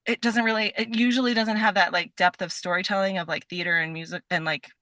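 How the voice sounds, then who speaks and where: A young woman from Nevada, a stage and voice actor, chats casually as a podcast guest in a bright, forward voice at ordinary pitch. She talks fast and effusively with a steady tone, rambling through sentences and saying "like" often. The recording is dry and close, with no room sound.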